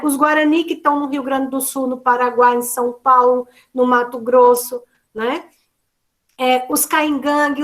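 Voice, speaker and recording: A woman's voice: high-pitched, a bit bright. A woman facilitating an online seminar, explaining at length with many tag questions and restarts, speaking over a video call. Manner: explanatory, with frequent "né" tags and restarts.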